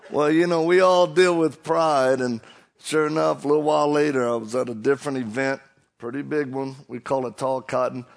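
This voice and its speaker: This gravelly-voiced Cajun from Louisiana tells jokes at medium pitch and a moderate pace. He's a preacher and motivational speaker giving a humorous stage talk to a live crowd, hyped up and poking fun at himself as he spins his stories.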